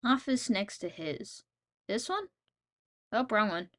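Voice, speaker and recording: A woman's voice: medium pitch, expressive, slow pace, fairly bright tone. A woman narrating a comedic game video in a wry, playful, self-mocking way.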